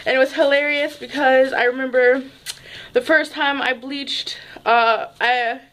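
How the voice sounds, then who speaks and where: Young woman vlogger, high pitch, rambling casual chat at a table at home. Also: steady tone, unhurried, a bit bright. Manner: rambling, chatty, restarts often.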